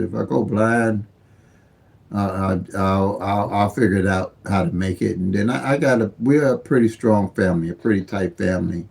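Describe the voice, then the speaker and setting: Gravelly-voiced man in his seventies. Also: fairly low pitch. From St. Louis, USA. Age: 70s. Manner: rambling, repeats and restarts words; plain-spoken, folksy. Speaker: lottery livestream host. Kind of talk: casual livestream chat.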